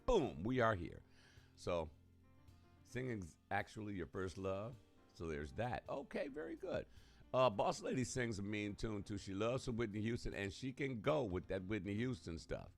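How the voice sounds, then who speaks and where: A man's voice: on the low side, big pitch swings, moderate pace, vocal fry, soft background music. A man hosting a live radio show, talking casually and colloquially and laughing often. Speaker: radio host.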